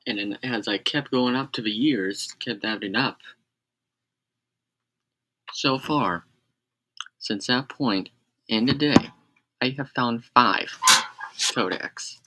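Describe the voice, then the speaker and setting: A man's voice: medium pitch, slow, pauses often, bright, forceful tone. A man rambling on a casual live stream, correcting himself and adding sarcastic asides.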